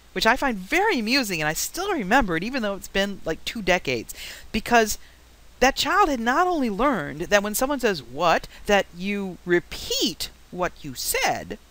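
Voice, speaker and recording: A woman teaching a psychology lecture, explaining points with anecdotes and deliberately varying her pitch, pace and loudness. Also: rough recording. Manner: varies pitch, rate and loudness on purpose. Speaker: psychology instructor. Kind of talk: classroom lecture.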